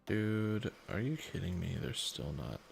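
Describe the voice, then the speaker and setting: A worn-out man talks through his strategy game as a casual live stream, rambling and thinking aloud. His voice sits very deep and is heavily gravelly with fry. Even tired, his pitch still swings around a lot, over a faint hiss. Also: measured pace. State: exhausted.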